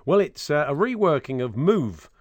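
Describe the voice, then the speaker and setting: A man's voice: a little high, big pitch swings, normal speed, darkish tone, dry recording, muffled recording. A man hosting a casual sports radio show, telling rambling, jokey anecdotes into a close studio microphone.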